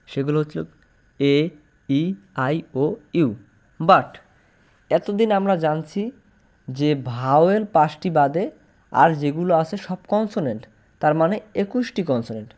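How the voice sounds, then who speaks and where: A man giving an explanatory language lesson, repeating each point slowly and firmly. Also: a little high, a little mellow. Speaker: English teacher.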